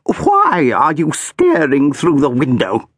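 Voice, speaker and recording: Storybook villain: a disdainful aristocratic aunt, high and drawn-out, close and dry, played by a man. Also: huge pitch swings, no echo, exaggerated voice. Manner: snappish, disdainful. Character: haughty cold aristocratic aunt, woman.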